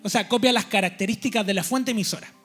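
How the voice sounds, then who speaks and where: A man's voice: high voice, fast, a bit bright, faint music behind. A man preaching a teaching sermon in a church. He explains step by step and keeps checking in with his listeners.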